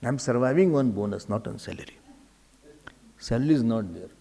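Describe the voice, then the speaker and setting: Animated Indian swami with a creaky voice. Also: male voice, mid-range voice, fairly quick. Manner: emphatic storytelling with repetition and rhetorical questions; mixes Hindi phrases into English. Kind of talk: spiritual discourse.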